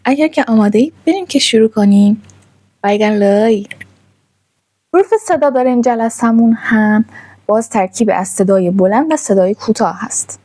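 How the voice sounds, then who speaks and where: A woman's voice: on the high side, dark tone. A woman teaching a language lesson, patiently drawing out each sound she demonstrates.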